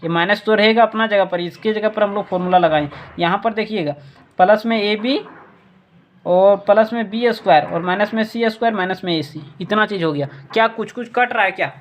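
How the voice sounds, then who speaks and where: A man's voice: high-pitched, a little fast, a little hiss or hum. A male maths teacher from India explaining a board lesson step by step, asking himself questions and repeating the key points.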